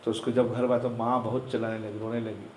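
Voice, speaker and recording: A man's voice: mid-range voice, brisk, roomy sound, slight background noise, poor audio. A man telling a devotional story as a sermon, acting out the characters and slipping English phrases into his talk. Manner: animated storyteller who acts out characters and mixes in English phrases.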